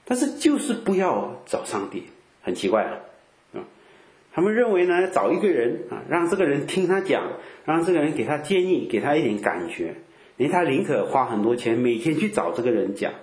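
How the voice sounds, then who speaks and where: A man preaching in a relaxed, conversational way, filling his talk with drawn-out "ah" sounds and rhetorical questions. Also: fairly high pitch, roomy sound. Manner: chatty, peppers speech with drawn-out "ah" fillers and rhetorical questions. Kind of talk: conversational Bible teaching.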